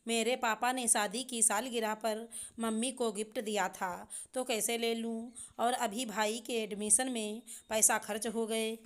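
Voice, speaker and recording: A woman's voice: a little high, fairly even intonation, unhurried, natural voice. A woman voicing a young daughter-in-law and new mother, speaking in a pleading, tearful complaint. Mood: aggrieved.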